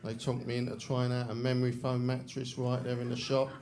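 A middle-aged man with a London accent doing a deadpan, self-deprecating stand-up set on a club stage, speaking into a handheld mic. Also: medium pitch, brisk, crowd noise. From England. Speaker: stand-up comedian. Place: comedy club stage with a live audience. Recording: loud audience laughter in a club.

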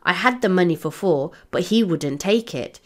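A woman's voice: fairly low pitch, animated, moderate pace. A woman voicing a cocky schoolboy who teases his friends, in a playful manner. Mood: glum. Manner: playful and teasing.

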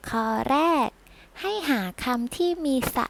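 A woman teacher giving a patient lesson to young children, sounding out each vowel slowly and repeating it.

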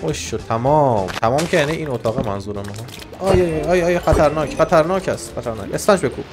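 Excitable man shouting over game music. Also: on the high side. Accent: Iranian Persian. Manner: excitable, joking, shouts and trash-talks mobs. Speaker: gaming YouTuber. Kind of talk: Minecraft let's-play commentary.

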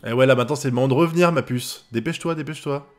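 A man's voice: mid-range voice, rapid-fire, faint music behind. A man from France giving live reaction commentary on an anime episode, swearing often and breaking into laughter.

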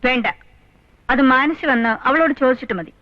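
An actress playing a calm, assured middle-aged judge and mother. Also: high voice, fairly quick, no echo, close to an everyday voice. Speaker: special court judge, mother. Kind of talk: 1990s film dialogue. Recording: dry, dull lo-fi film soundtrack.

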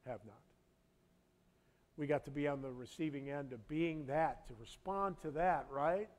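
Male pastor with a fairly high voice, live sermon, halting storyteller who swells into emphatic preaching. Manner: earnest, halting storyteller with many restarts; builds to loud, emphatic preaching. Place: church sanctuary.

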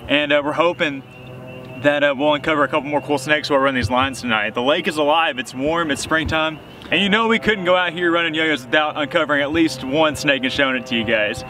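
A man's voice: a little high, quick pace, sharp tone, slight background noise. Chatty young man on a night lake. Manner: upbeat, chatty, exclaiming over catches. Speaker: fishing vlog host. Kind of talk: casual outdoor narration. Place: small boat on a lake at night, outdoors. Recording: music mixed in clearly.

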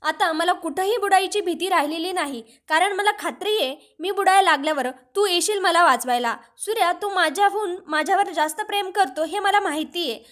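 A woman's voice: extremely high pitch, brisk, hardly any pauses, a bit bright. A woman reading the lines of an earnest young woman confessing her love in a storybook retelling. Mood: heartfelt. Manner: heartfelt, pleading.

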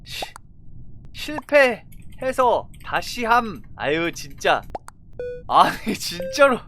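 A woman chatting excitedly while playing a game, grumbling and exclaiming in blunt slang with stifled giggles breaking into her words. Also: medium pitch, extremely slow, slight background noise. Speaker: gamer commentating her own play. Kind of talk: excited casual Among Us gameplay chat.

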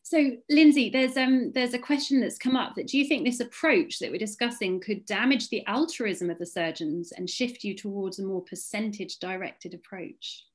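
A woman's voice: mid-range voice, normal speed, few pauses. Woman moderating a webinar. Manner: inquisitive, poses questions.

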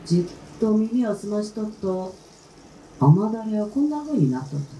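A woman narrating an old folktale live in a lively, expressive dialect storytelling style. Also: medium pitch, moderate pace, a little hiss or hum. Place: concert venue. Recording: roomy live hall with faint instruments. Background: faint traditional instruments.

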